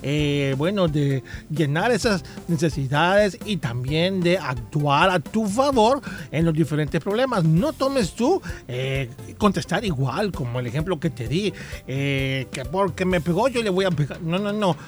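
High-voiced playful man on children's radio. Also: unhurried, soft background music. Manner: playful, animated, teasing. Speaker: children's radio show co-host.

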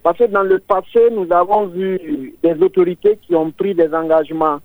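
High-voiced man calling in by phone. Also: normal speed, no room sound. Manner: earnest, repeats words while searching for them. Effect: voice heard over a phone line on air. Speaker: caller to a radio show. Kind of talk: call-in comment on a public issue. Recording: tinny dry phone line.

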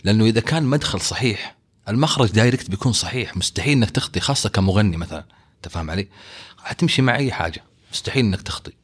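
A man with a Saudi Hejazi accent talks very fast in a lowish, husky voice. He is emphatic and opinionated, repeating himself and checking that the listener follows. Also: animated. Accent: Saudi Hejazi Arabic. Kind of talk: casual, opinionated discussion.

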